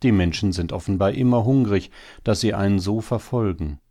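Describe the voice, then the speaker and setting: A man's voice: fairly low pitch, moderate pace, dark tone. A man reading a story, voicing a wounded female hare who limps and laments in a raised, plaintive tone. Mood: indignant. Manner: plaintive, sighing.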